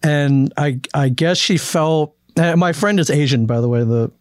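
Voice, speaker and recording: A man from the American Midwest, a guest in a casual conversation, telling a story with frequent restarts and lively quoted lines. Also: on the high side, normal speed, dry recording, studio quality. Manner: storytelling, restarts often, animated when quoting.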